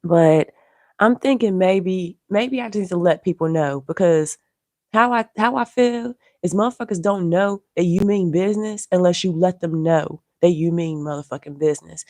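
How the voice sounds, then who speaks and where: Low-voiced woman scolding on a livestream. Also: moderate pace, no room sound, studio quality. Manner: blunt, profane, half-hushed scolding. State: losing her voice, unwell. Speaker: social media artist and streamer. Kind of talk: live-stream rant to viewers.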